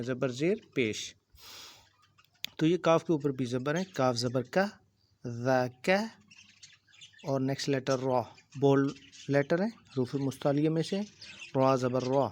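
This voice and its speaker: A man's voice: a little high, a little hiss or hum. A man teaching how to read Quranic text, patiently spelling out letters and vowel marks one at a time and mixing English words into Urdu, with birds chirping faintly behind him. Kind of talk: slow spelled-out recitation lesson.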